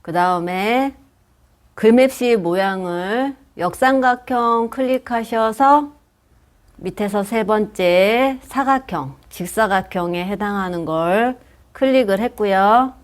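Slow, patient woman computer teacher. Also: medium pitch. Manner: patient, slow, guiding step by step with frequent "ye" and "ja". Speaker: computer class instructor. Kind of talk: step-by-step software lesson. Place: senior welfare center classroom.

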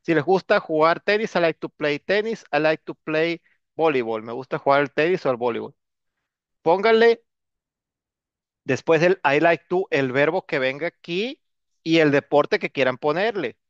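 Mexican man teaching english, stuffed up with a cold, fairly high voice, dull dry lo-fi sound. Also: moderate pace, clean tone, no room sound. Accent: Mexican Spanish. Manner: relaxed, chatty, self-joking. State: congested with a cold. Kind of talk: casual classroom lesson.

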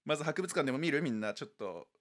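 A man's voice: on the high side, lively intonation, rapid-fire, a bit bright, faint music behind. A man streaming a game live, chatting casually and rambling to himself and his viewers. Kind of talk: casual live-stream chat while playing. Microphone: desk microphone.

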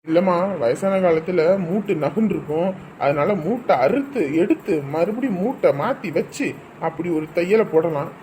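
A man's voice: sits high, expressive, normal speed, a little mellow, slight background noise. A man playing a fussy doctor who soothes an old patient in a comic sketch. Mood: soothing. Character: bumbling village doctor.

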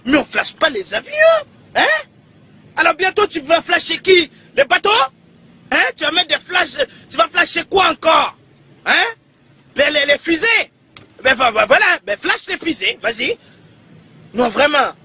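A man playing a loud, indignant character who shouts complaints and insults at the president in a comedy sketch. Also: on the high side, moderate pace, slightly rough, voice pushed up. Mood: ranting.

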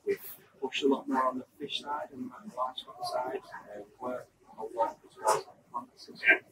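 A man who manages a freshwater fish section, speaking haltingly in a casual interview. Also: medium pitch, sing-song, distant mic, background noise. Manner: halting, uneven, drops to mumbles. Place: aquarium shop.

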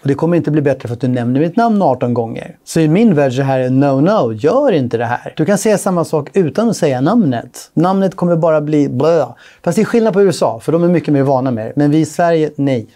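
A man's voice: on the high side, expressive, few pauses, dark tone. A man giving casual reaction commentary as a sales coach, blunt and opinionated, acting out sales calls.

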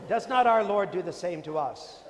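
A man preaching in a big convention hall, telling a story with comic flair, his voice rising loud and then dropping low. His voice sits fairly high, and a long reverb trails every phrase. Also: expressive, moderate pace, a little hiss or hum. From Canada. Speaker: priest. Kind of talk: sermon with humorous storytelling.

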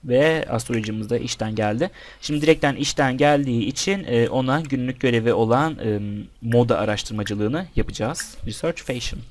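A young man talks through his gameplay in a casual way, addressing the characters on screen and his viewers by turns. His pitch sits in an ordinary middle range. A faint noise and some clicking run under the recording. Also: a little fast, hardly any pauses. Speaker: gameplay commentator. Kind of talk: casual let's-play commentary.

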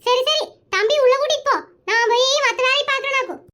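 A woman voicing a nosy, gossiping village neighbor in a cartoon, excitable in manner. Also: quick pace. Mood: gossipy. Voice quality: very high squeaky cartoon voice.

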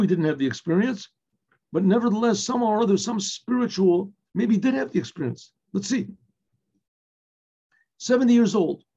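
Older rabbi teaching, husky dull audio. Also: male voice, high-pitched, warm tone. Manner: mixes English with Yiddish and Hebrew phrases, asks and answers his own questions. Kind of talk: Torah class explaining a Hebrew text. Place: indoor room with bookshelves. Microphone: webcam video recording.

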